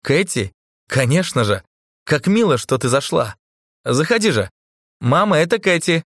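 A man reading an audiobook, voicing a tired, easygoing young man who speaks softly and affectionately. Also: a little high, big pitch swings, unhurried, dry recording, studio quality, exaggerated voice. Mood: gentle. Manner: soft, affectionate. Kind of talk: audiobook character voice.

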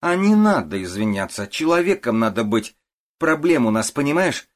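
A man's voice: mid-range voice, very animated, moderate pace, voice pushed up, lightly acted. A man voicing a pushy, commanding woman with powerful connections who talks in an insistent, threatening way, in an audiobook.

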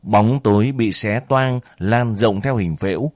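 Casual: guy reading a war novel out loud, slow and steady, dry close mic. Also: on the low side, no room sound. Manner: slow, measured storytelling. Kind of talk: audiobook narration.

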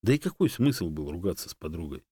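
A male audiobook reader with a lowish voice, narrating a story calmly and steadily. The sound is dry and close, with no echo. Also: fast, breathy edge. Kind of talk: scripted narration.

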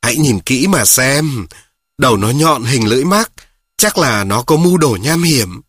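A man voicing a smug little tree frog who talks slowly and pretends to be wise. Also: medium pitch, expressive, a bit bright, slightly rough. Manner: slow, mock-profound, sneering.

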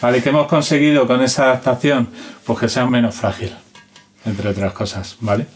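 Speaking at a normal pace with a steady, mid-range voice, the Spanish instrument maker, a man in his fifties, walks the interviewer through his work in his workshop. Faint music plays behind the noisy field recording as he demonstrates casually, adding brief tag questions.

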